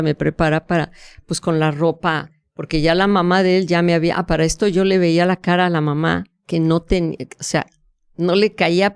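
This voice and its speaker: A woman's voice: on the low side, clear, resonant tone, no room sound. A woman, a guest telling a vivid, emotional first-person story full of restarts and fillers. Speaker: interview guest.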